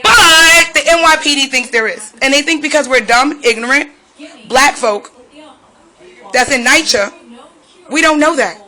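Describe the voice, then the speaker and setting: A woman's voice: sits high, unhurried, long pauses, bright, forceful tone. A woman filming from inside an apartment, speaking agitatedly, firing rhetorical questions and turning to address officers directly. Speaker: resident filming a police standoff. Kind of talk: live self-recorded protest commentary. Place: indoors in an apartment.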